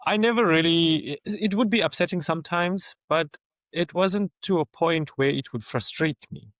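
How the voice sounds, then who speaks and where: A man from South Africa with a South African accent, a guest in a casual interview, telling lively anecdotes and laughing often. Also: on the high side, moderate pace, no room sound.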